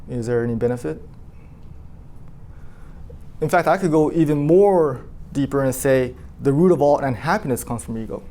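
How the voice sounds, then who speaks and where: Animated man telling his team a story. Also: mid-range voice, moderate pace, pauses often. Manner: animated, asks the room questions, many "like" fillers. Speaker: insurance agency owner addressing his team.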